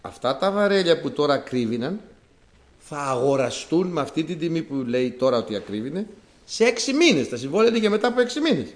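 Animated Greek preacher with a lively voice. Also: male voice, fairly high pitch. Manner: animated, rising to emphatic outbursts. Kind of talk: sermon.

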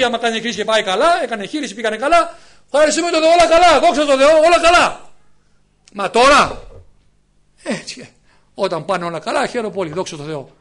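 A man's voice: extremely high pitch, a bit bright. A man in his fifties preaching a sermon, emphatic and full of rhetorical questions to the congregation. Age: 50s.

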